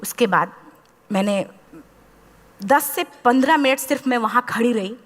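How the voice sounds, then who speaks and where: A woman's voice: medium pitch, a bit bright. Impassioned woman speaker in a reverberant hall. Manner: impassioned storytelling, acting out quoted dialogue. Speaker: motivational speaker. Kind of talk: motivational speech to a live audience.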